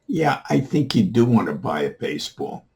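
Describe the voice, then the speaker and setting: A man voicing a sly, scheming little boy who pushes his sales pitch in a raised voice. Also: big pitch swings, moderate pace, vocal fry, a little mellow. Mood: insistent. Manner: pushy, insistent.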